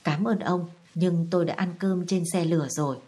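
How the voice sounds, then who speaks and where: A woman's voice: lowish voice, fairly even intonation, moderate pace, mellow, breathy edge. A woman voicing an elderly, proud mandarin's widow who speaks formally and probes with feigned friendliness. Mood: probing.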